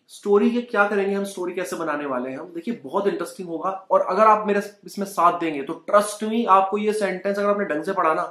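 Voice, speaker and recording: A young Indian man with a high-pitched, somewhat bright voice leads a spoken-English lesson in Hindi from home, getting learners to say the sentences back to him. The room is echoey.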